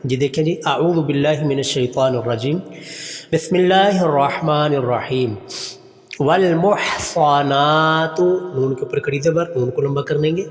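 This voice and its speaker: A male Quran teacher giving a recitation lesson, drawing out slow chanted phrases and then explaining in quick, plain speech. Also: mid-range voice, darkish tone, long reverb tail.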